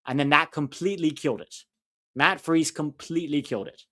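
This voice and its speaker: Pitched on the high side with a fairly bright tone, this man co-hosts a live soccer watch-along. He chats and comments casually in a mixed accent that's difficult to pin down, being blunt, opinionated and fast to get frustrated.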